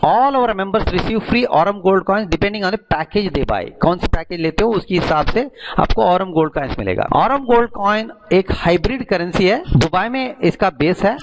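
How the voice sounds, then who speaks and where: Guy doing a sales presentation, explains step by step, mixes in english bits, fairly high voice. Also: slight background noise, low-quality recording. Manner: explains step by step, slipping English phrases into Hindi.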